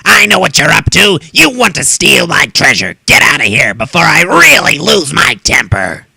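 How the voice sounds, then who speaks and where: Storybook troll: gruff, raspy, bright-edged little male troll, angry and sly. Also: fairly high pitch, wildly swooping pitch, normal speed, no room sound, voice pushed up, exaggerated voice. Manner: snarling and shouting. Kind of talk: storybook read-aloud.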